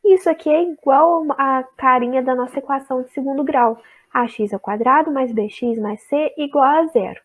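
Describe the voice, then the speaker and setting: A young woman from Brazil, a teacher trainee, explaining a math lesson step by step in a deliberate way. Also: high voice, husky.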